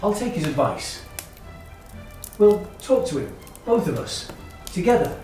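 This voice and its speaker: A male actor plays a kindly Victorian gentleman in his thirties, a hopeful, teasing brother, in a stage-style literary radio drama. His lightly high, warm voice is very animated yet a little slow, with formal, wordy, earnest phrasing. The recording sounds distant and very echoey, with music behind him.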